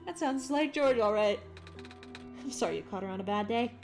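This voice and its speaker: Woman reading as a flustered young inventor, game dialogue read aloud, high lively voice, chatty and apologetic, faint music behind. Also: a little fast, lightly acted. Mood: apologetic, friendly.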